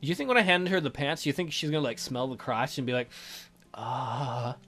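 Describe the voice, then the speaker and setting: For a let's play, a man reads a visual novel aloud in a theatrical, jokey way. His high, bright voice is fast and expressive, swinging widely in pitch, with soft music playing behind him.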